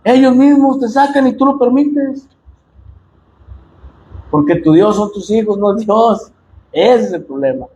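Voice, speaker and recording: A man with a Mexican accent preaching a sermon as pastor, impassioned and direct with the congregation, often rising to shouts. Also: high-pitched, expressive, unhurried, long pauses, muffled recording. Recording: echoey room with faint noise.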